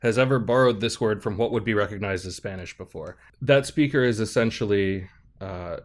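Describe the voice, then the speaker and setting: On a podcast, a guest professor with a lowish voice lays out ideas in a careful, measured manner during explanatory interview talk. He keeps checking in with listeners by asking "right?"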